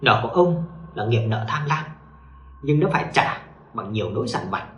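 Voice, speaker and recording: A commanding old master speaks in a calm, lecturing tone, as a male narrator puts him on. The delivery rises and falls in a lively way, and the sound rings in an echoey room. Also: medium pitch, normal speed, dull audio, slight background noise, pitched below the performer's own voice, lightly acted. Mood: stern. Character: stern old male sword-wielding master.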